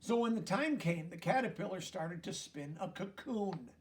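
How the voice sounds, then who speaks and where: A man reading a children's story aloud as an expressive narrator. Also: sits high, moderate pace, distant mic. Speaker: storybook reader.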